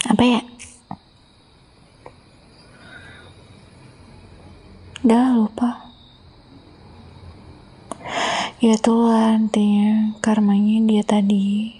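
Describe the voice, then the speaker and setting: A woman with an Indonesian accent playing an affectionate, teasing wife in an ASMR role-play, intimate and soothing, soft and breathy as she coaxes a listener to sleep. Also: medium pitch. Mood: coaxing, drowsy. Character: affectionate teasing young wife telling bedtime stories.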